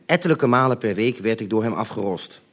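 Man with a lowish voice, reading his own memoir, dry and deliberate. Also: expressive. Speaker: memoir reader.

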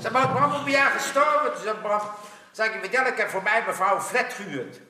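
A man telling a string of jokes to a live audience, acting out the characters in a lively way. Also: high voice, fast, a little hiss or hum. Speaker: stand-up comedian. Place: theater stage with a live audience. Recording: echoey hall from far off.

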